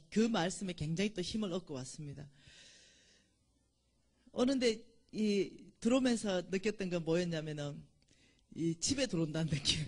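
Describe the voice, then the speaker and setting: A woman lectures at a church, spinning chatty anecdotes. Her voice is husky and breathy. Her pitch rises and falls a lot as she jokes along. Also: a little mellow. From Gyeongsang Province, South Korea. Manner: chatty storytelling, laughs at her own jokes.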